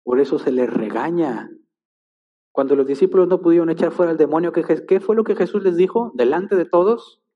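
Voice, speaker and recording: Preacher in a dull, echoing hall. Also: male voice, fairly high pitch, a little fast. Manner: emphatic, keeps asking rhetorical questions. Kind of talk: sermon. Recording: long-reverb hall, dull lo-fi sound.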